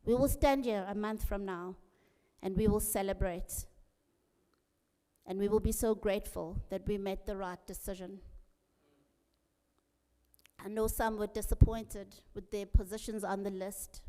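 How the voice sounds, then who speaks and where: A woman's voice: mid-range voice, fairly even intonation, unhurried, long pauses, mellow. A woman giving an earnest, rousing campaign speech to supporters, urging them to keep working. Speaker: political candidate. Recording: long hall reverb.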